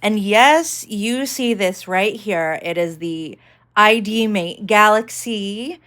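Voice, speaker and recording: A woman's voice: mid-range voice, takes it slowly, a bit bright. A woman vlogger giving a casual tech demonstration, rambling with lots of fillers.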